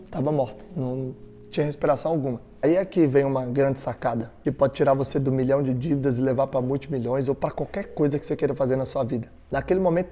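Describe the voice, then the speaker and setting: A man's voice: mid-range voice, mellow. A man from Brazil giving a motivational talk as a speaker, telling his story emphatically and speaking straight to the listener.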